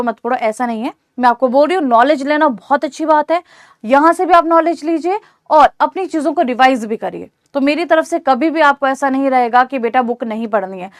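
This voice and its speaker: A woman's voice: high voice, no echo, studio quality. A woman teacher giving an online exam-prep lecture, reassuring her students and checking in often to ask whether they follow. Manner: reassuring, repeats "theek hai" to check understanding.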